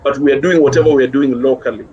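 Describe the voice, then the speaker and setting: Racing along in a dark, steady, medium-pitched voice, a Kenyan man talks as a music guest in a casual interview. He's encouraging, repeats phrases, and mixes English with Swahili slang; the audio is muffled with clear background noise.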